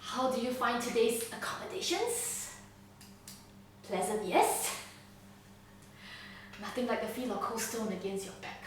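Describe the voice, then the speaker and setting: A woman's voice: fairly high pitch, measured pace, pauses often, a little hiss or hum, natural voice. A manic, pompous male steward of a villain, purring with mock courtesy and delighted with himself, as a woman puts him on. The voice rings in a roomy space, caught from a distance. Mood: mock-polite. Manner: purring, self-satisfied, mock-polite. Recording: roomy echo, distant mic.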